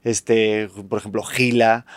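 Presentador español, grabación seca. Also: male voice, fairly low pitch, little pitch movement, slow, smooth, dry recording. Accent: Spanish. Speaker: podcast host. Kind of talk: casual podcast interview.

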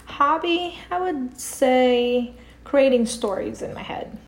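Middle-aged woman from the philippines, podcast guest over a call, gravelly voice, calm storytelling. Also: high-pitched, takes it slowly. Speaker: guest, parent coach and author. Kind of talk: podcast interview.

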